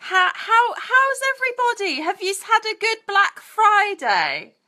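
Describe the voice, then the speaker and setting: Bubbly British woman, high and lively. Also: a little slow. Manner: bubbly, crude jokey asides. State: out of breath. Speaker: live stream host. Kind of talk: casual live stream chat greeting viewers.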